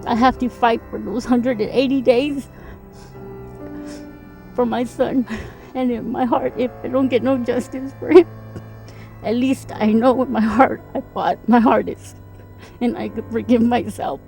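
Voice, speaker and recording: Pleading, earnest mother in an interview; warm, fairly high voice over faint music. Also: steady tone, a little slow, creaky, long pauses. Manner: earnest, pleading, repeats herself. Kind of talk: emotional interview testimony.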